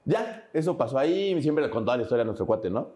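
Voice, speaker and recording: A man's voice: medium pitch, very animated, fast talker, mellow. A young Mexican man co-hosting a casual podcast, telling stories with acted-out quotes and jokes. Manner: storytelling with acted-out quotes, joking. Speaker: co-host.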